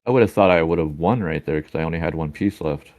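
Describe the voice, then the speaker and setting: A man's voice: very deep voice, brisk, a little mellow. A man moderating a casual chat, giving direct critique of a game.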